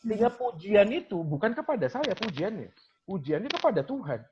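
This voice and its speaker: Guy lecturer chatting, tells class stories, acts out the students, slightly high voice, kinda muffled recording. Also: fairly quick, background noise. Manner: animated storyteller, acts out students' questions, mixes in English phrases. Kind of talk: casual talk sharing teaching stories.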